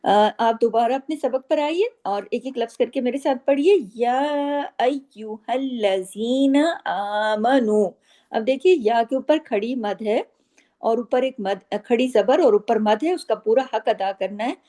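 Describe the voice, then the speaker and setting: A woman teaching Quran recitation, patiently explaining each rule and repeating words slowly. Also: a little high, lively intonation, warm tone. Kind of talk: slow tajweed lesson with recited phrases.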